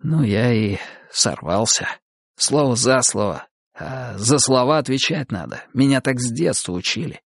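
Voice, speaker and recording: Man doing a heated young sergeant, stubborn, halting, slightly low, audiobook figure. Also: expressive, dry recording, studio quality, lightly acted.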